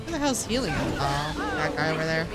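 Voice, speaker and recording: A woman's voice: low voice, sing-song, a little fast, over loud music. A woman streaming a game with casual, slangy live commentary, often talking to the characters on screen.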